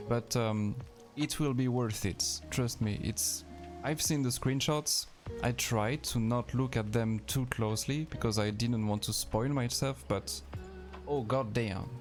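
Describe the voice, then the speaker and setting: Slow, easygoing man with a French accent. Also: mid-range voice, faint music behind. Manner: easygoing, chatty, reads and answers chat. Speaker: streamer. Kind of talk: casual live-stream chat while gaming.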